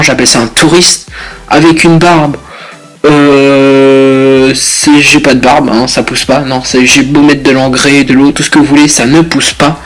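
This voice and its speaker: Young French vlogger, casual crude humor, filler-heavy, a touch high-pitched. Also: male voice, fairly bright tone, low-quality recording. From France. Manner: laid-back, rambling, blunt slangy jokes with many fillers. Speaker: YouTuber reacting to statements.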